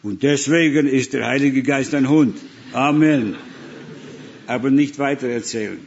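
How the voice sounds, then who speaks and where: A man's voice: mid-range voice, a little slow, creaky, dull audio, a little hiss or hum. A man from the Netherlands with a Dutch accent, preaching in German and telling missionary stories with acted-out dialogue. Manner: storytelling, acts out dialogue. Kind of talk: sermon with anecdotes.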